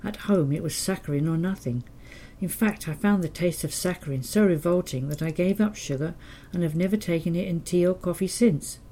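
An older woman, reading her childhood memoir in a gentle, wry manner. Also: on the low side, fairly quick, hardly any pauses, a little hiss or hum. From England. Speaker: memoir narrator.

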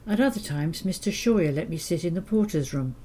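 A woman's voice: lowish voice, animated, a little fast, slight background noise. Older woman reading her memoir. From England. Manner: gentle, wry storytelling. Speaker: memoir narrator.

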